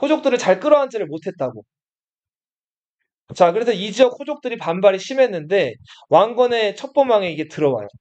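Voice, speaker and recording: A man's voice: high-pitched, big pitch swings, a little fast, a little mellow. Guy giving a history class, keeps asking students stuff, voice jumps around a lot. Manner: asks students questions and answers them himself. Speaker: history teacher. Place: study room classroom. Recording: dull lo-fi classroom recording.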